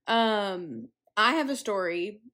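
A woman's voice: mid-range voice, lively intonation, slow, bright, forceful tone. A young woman with a Missouri accent, a podcast co-host telling a story in casual chat. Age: young adult. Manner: storytelling, acts out others' lines.

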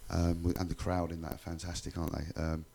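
A man's voice: low voice, monotone, quick pace, vocal fry, mellow, slight background noise. A man, a singer chatting casually as a radio guest in a colloquial, rambling way. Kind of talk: casual chat.

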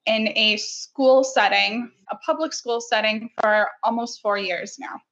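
A woman from Massachusetts introducing herself slowly and deliberately, on a dull lo-fi recording. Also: fairly high pitch, fairly even intonation, fairly bright tone. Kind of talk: self-introduction.

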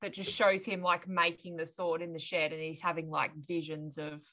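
A woman's voice: low-pitched, level tone, moderate pace, a bit bright. A woman hosting a casual chat, loosely retelling a story with lots of fillers. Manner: loose, hedging, many fillers. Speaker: podcast host reading the story.

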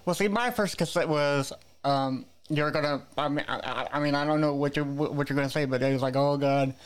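A chatty man in his forties hosts a relaxed interview and asks friendly questions. He doubles up on words as he goes. His voice is slightly high and notably smooth and resonant. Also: fairly quick. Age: 40s. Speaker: host. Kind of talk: casual interview.

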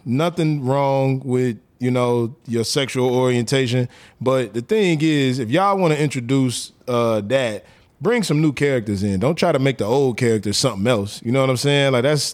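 Man, podcast co-host, casual chat, profane, loose delivery. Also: mid-range voice. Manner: loose, profane, talks it through with fillers.

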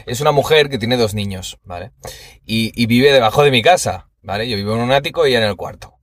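A man's voice: medium pitch, expressive, quick pace. Young Spanish man telling slangy stories. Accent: Spain Spanish. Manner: slangy storytelling, acts out quoted voices. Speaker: podcast co-host. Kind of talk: casual chat.

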